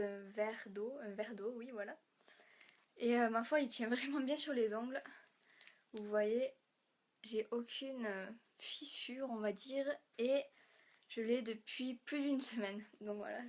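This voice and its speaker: A young woman from France, chatting through a beauty haul vlog, halting with fillers and restarts, a little hoarse and clearing her throat as she loses her voice. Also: on the high side. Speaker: beauty vlogger.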